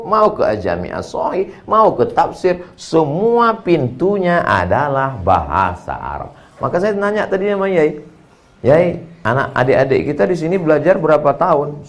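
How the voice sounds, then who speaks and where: A man's voice: medium pitch, a little hiss or hum. A man from Indonesia giving a humorous religious lecture to students, joking and chanting Arabic word forms as he teaches. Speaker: Islamic preacher.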